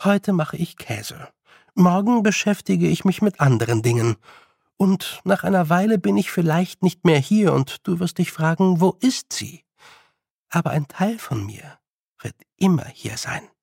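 A man voicing a young girl witch in an audiobook, raising his voice a little and speaking in a measured, stern way. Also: high-pitched, sing-song, gravelly, a little mellow, breathy edge, dry recording, studio quality, voice pushed up, full character voice. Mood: firm, stern. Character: young girl witch, calm, firm and commanding. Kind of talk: audiobook character voice.

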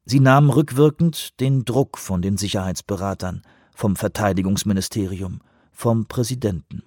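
Measured male audiobook narrator. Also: fairly low pitch, a little mellow, no room sound, clean studio sound. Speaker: audiobook reader. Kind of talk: scripted narration.

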